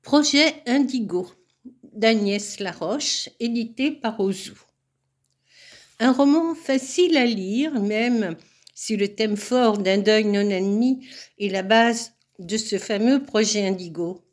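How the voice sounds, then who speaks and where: A woman presenting a children's novel in a measured way. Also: medium pitch. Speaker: book reviewer. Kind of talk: book presentation.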